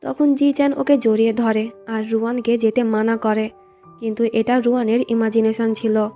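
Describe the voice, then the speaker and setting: Mellow higher-voiced woman narrating a drama. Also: flat delivery, normal speed, soft background music. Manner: plain recounting, reads quoted lines in the same voice. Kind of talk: storytelling narration.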